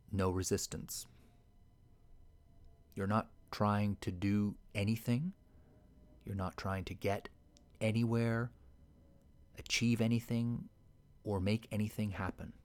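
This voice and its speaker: Male meditation guide, lowish voice, unhurried, hushed delivery. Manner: soft, slow and soothing, sometimes sinking to a whisper.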